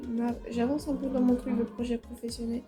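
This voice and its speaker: A woman's voice: a little high, level tone, fairly quick, warm tone, soft background music. A twenty-year-old woman with a slight slushy lisp on her s, chatting casually and self-deprecatingly to camera at home. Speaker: vlogger.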